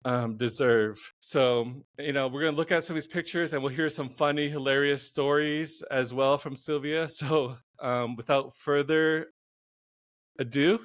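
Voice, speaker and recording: Relaxed male podcast host. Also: medium pitch, unhurried, dry recording, studio quality. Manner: relaxed, chuckles often, filler ums. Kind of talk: casual interview hosting.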